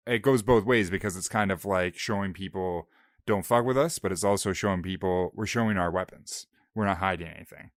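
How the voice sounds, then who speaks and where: A young adult man co-hosting a casual book podcast, jokey and quick to firmly set his partner straight. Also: low-pitched, steady tone, dry recording, clean studio sound. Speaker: podcast co-host.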